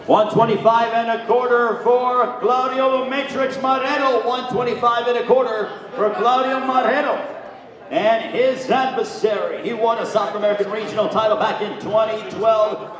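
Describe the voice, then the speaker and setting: A man announcing a boxing weigh-in on a handheld microphone, showy and booming, drawing out names like a lucha libre announcer. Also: steady tone, normal speed. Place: large indoor hotel event room. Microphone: handheld microphone through PA. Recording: very echoey hall PA, crowd behind.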